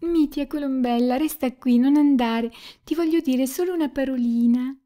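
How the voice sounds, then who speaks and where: A woman's voice: high voice, normal speed, warm tone, voice pushed up, close to an everyday voice. A woman reading an audiobook and voicing a passionate, tearful young woman with a pleading, emotional manner.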